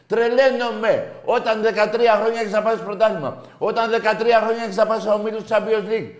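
Casting: loud, mocking male call-in host, slightly high voice, roomy studio. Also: steady tone. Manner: loud, shouting and mocking rival fans. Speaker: radio call-in show host. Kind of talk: heated call-in sports banter.

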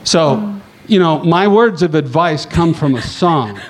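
A man on a conference panel telling a long anecdote in a casual, animated way, acting out the dialogue and tossing in quick asides. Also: fairly high pitch, a little hiss or hum. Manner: animated, acts out dialogue, chatty asides with "right?".

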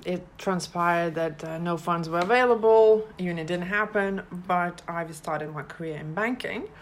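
A woman's voice: on the low side, a little slow, slight background noise. A woman in her thirties from Lithuania, a native Lithuanian speaker, telling her story as a guest in a casual interview, earnest and hesitant with fillers. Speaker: business founder, guest.

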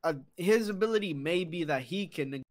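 A man's voice: sits high, lively intonation, normal speed. A man co-hosting a podcast, eagerly retelling anime plots in casual chat. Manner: eager storytelling, retells scenes. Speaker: podcast co-host.

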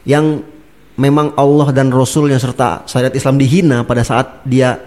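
A man with a mid-range voice and normal pacing explains religious points as an Islamic preacher in relaxed conversation. Lively and often laughing, he chuckles and acts out the people he uses as examples, doing angry voices as well.

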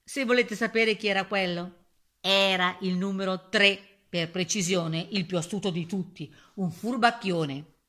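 A woman's voice: medium pitch, steady tone, a little slow, fairly bright tone. A woman reading a rhyming fairy tale aloud, playful and theatrical. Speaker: storyteller.

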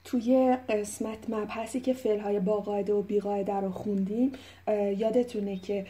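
A woman with a Persian accent teaching English vocabulary, explaining patiently and reading English example sentences slowly and clearly. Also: medium pitch, steady tone, dark tone.

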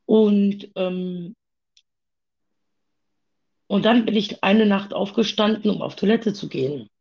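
A woman talking haltingly about her own past in a personal conversation, with many pauses and fillers. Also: mid-range voice, vocal fry, breathy edge, lo-fi sound.

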